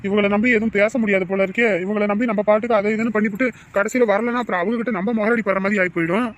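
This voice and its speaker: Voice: mid-range voice, fairly even intonation, very fast, a little hiss or hum, close to an everyday voice. A performer playing a young village man who keeps pressing over the phone in a family drama. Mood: worried.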